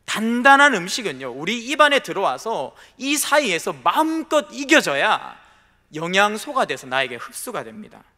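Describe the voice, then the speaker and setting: A male pastor delivers a sermon in a church, speaking emphatically and turning often to the congregation. His voice sits high and swings widely in pitch. The sound carries a long reverberation from the sanctuary. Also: sing-song, moderate pace, pushed and bright. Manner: storytelling, emphatic, addresses congregation directly.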